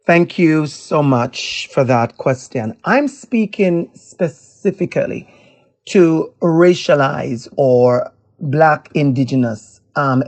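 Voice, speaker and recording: A woman's voice: extremely low pitch, a little mellow. A woman with a Jamaican accent, an equity educator answering as a guest, speaking emphatically and repeating key lines for effect. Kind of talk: impassioned interview answer.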